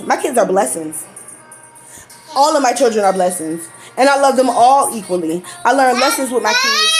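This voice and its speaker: A woman telling a personal story to camera in a blunt, profane, casual way, laughing often. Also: on the high side.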